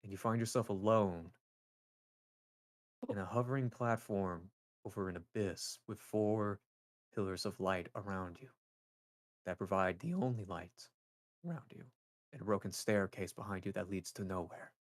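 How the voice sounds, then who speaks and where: A man running a tabletop fantasy game, moving between deliberate scene narration and hesitant conversational asides. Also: sits low, dry recording. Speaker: game master.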